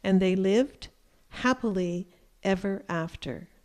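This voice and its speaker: A middle-aged woman, a reading teacher, reading a fairy tale aloud to young children in a clear, deliberate way. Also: mid-range voice, a little mellow. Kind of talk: slow read-aloud storytelling for young children.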